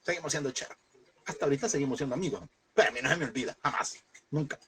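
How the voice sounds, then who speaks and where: A man's voice: mid-range voice, lively intonation, very fast, a bit bright, a little hiss or hum. A man, a pastor preaching a lesson, telling a personal story and fervently calling his listeners brother.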